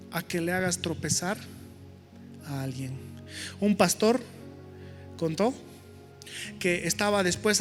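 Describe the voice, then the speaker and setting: A male pastor preaching a sermon in a conversational, joking way, with asides to the congregation. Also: high voice. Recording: echoey hall with soft music.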